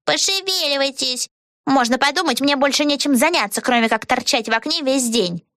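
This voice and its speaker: A cranky old witch who grumbles at everyone, voiced by a woman reading a storybook. Her complaints come pitched above the reader's voice but held low in volume. The sound is dry and close. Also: a little fast, fairly bright tone, no room sound. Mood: grumpy. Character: grumpy old woman witch in a tower window.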